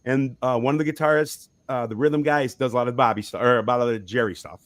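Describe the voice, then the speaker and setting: Being interviewed casually about his band, a musician guest rambles along, laughing a bit and often starting over. He speaks fast at a medium pitch with fairly even intonation, against slight background noise.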